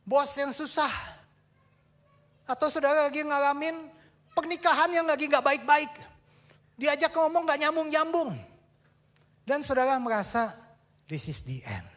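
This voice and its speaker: A man delivers a sermon in a notably high voice. He acts out the dialogue of his own stories, jumping between loud, excited bursts and hushed, low asides. He drops English phrases in as he goes. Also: normal speed, long pauses. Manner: tells personal stories with acted dialogue. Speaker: preacher.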